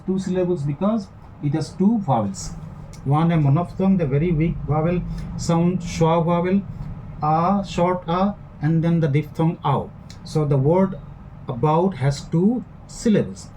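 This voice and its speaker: Man, Indian English accent, lecturer, fairly high voice, mellow tone, faint background hiss. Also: a little slow, poor audio. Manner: explanatory, repeats and rephrases points with frequent fillers. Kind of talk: recorded online lecture.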